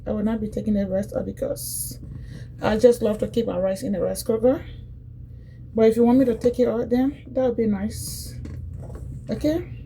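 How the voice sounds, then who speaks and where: A woman's voice: a little high, fairly even intonation, normal speed, gravelly, pauses often, warm tone, a little hiss or hum, poor audio. A woman from Liberia, casually demonstrating cooking in a home kitchen and chatting directly to her viewers, often repeating herself. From Liberia, West Africa. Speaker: cooking vlogger.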